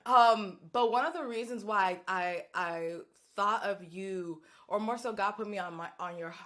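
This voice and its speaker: A woman's voice: medium pitch, unhurried, fairly bright tone. A woman hosting a podcast, chatting in an enthusiastic, affirming and playful way. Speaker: podcast host. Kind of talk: casual chat.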